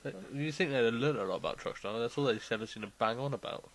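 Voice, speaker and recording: A man's voice: medium pitch, rapid-fire. A man taking part in a casual quiz chat, answering in a laid-back way with frequent chuckles. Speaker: quiz contestant.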